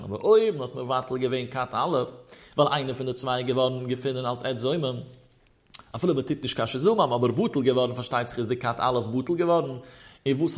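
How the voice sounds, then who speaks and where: Man with a lilting, sing-song study voice. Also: a little high. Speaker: Talmud teacher. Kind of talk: traditional Talmud study lecture.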